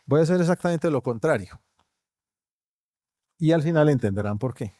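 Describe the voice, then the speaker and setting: A Colombian man lecturing at a university conference, steady and measured, now and then slipping into quieter asides. His voice is dark and mellow. The sound is dry and close, with no room echo. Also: on the high side. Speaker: conference speaker. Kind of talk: academic lecture. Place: university auditorium.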